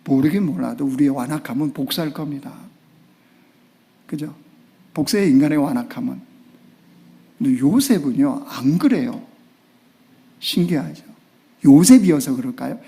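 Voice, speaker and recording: A male pastor preaching a Sunday sermon. He swings from hushed, almost whispered lines to loud, urgent exclamations. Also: a little high, lively intonation, moderate pace, gravelly, pauses often. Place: church sanctuary.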